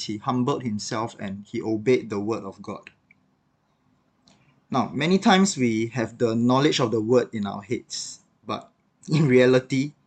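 Male devotional speaker, mid-range voice, reflective teaching tone, casual with light fillers. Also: medium pitch. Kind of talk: scripted devotional talk.

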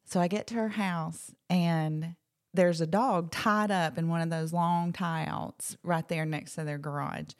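A woman with a drawl tells a story on a podcast, animated and chatty. She acts out every quote in the story. Her voice sits a little on the low side. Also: a little slow. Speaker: podcast co-host. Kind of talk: casual chat, storytelling.

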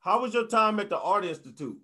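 A man's voice: high-pitched, very animated, fairly quick, bright, forceful tone, breathy edge. A man with an American accent interviewing casually, agreeable and slangy, swearing freely. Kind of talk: casual chat.

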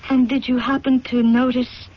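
An actress playing a gentle, anxious wife in a radio drama, hesitant and pleading, on a muffled old recording. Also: female voice, high-pitched, little pitch movement, normal speed. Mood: anxious, coaxing.

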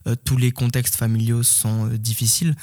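A man co-hosting a film podcast, measured and thoughtful, pausing often on filler sounds. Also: mid-range voice, flat delivery, dark tone. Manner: measured, lots of filler hesitations. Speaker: podcast co-host. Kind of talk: casual chat.

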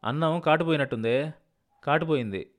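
A man's voice: a little high, a little fast, lightly acted. A man voicing a bitter, ruined middle-aged landowner who talks curtly and mockingly to his wife. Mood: sulky. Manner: curt and mocking.

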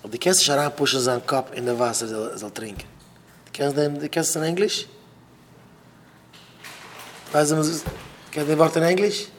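A man, a rabbi, giving an informal sermon to students, repeating phrases for emphasis and swinging between loud bursts and quiet asides. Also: on the high side, steady tone, moderate pace, long pauses, a little hiss or hum.

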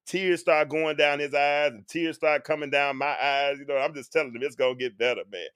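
A man's voice: fairly high pitch, fairly even intonation, a little fast, fairly bright tone, clean tone, no echo, clean studio sound. A man in his forties hosting a live-stream talk, speaking earnestly like a preacher and now and then singing a phrase. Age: 40s. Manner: earnest, sermon-like, with sung phrases. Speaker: show host being interviewed.

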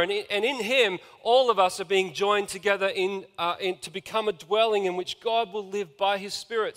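A man's voice: high voice, a bit bright. A man preaching a sermon as pastor, earnestly reading scripture and calling out to the congregation. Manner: earnest preaching, reads scripture aloud, asks congregation for amens. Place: church sanctuary. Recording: long reverb of a large hall.

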